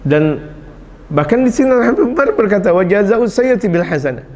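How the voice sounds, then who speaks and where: Lively high-voiced preacher. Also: male voice, moderate pace. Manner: lively, jokes and acts out scolding parents. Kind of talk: sermon.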